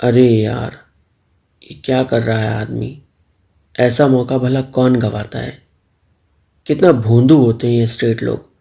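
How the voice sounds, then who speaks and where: A man's voice: medium pitch, steady tone, measured pace, creaky, long pauses, warm tone. A man voicing a shy young man who lives alone, in a storybook, talking in a flustered, protesting way. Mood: scoffing. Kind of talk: storybook dialogue.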